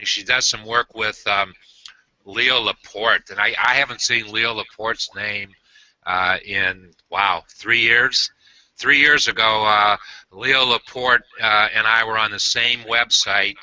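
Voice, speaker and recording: A man hosting a casual video call interview, halting with many "uh" fillers and restarts. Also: fairly low pitch, pushed and bright, no echo, lo-fi sound. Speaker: host.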